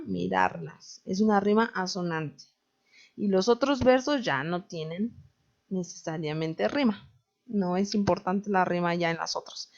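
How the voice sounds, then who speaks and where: A woman's voice: mid-range voice, highs cut off. A woman with a Mexican Spanish accent teaching a literature class, explaining patiently and often checking in with "¿no?". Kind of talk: recorded online class.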